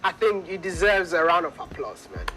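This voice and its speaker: A man's voice: sits high, fairly quick, music in the background, rough recording. A Ghanaian man with a Ghanaian accent, interviewing a guest in an eager, upbeat way. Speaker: interviewer, vlogger. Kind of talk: on-location interview.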